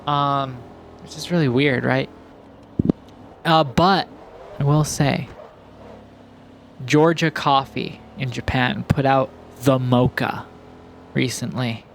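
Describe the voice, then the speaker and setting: A young man giving relaxed, rambling commentary over gameplay, full of fillers and restarts. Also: medium pitch, slow, gravelly, pauses often, slight background noise. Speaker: gaming commentator. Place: home, recorded in post.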